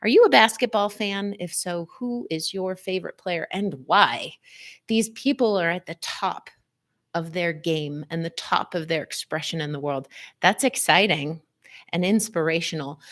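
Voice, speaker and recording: A woman with a lowish voice hosts a live wellness stream, speaking directly to her viewers. She is chatty and sing-song, sprinkling in playful wordplay.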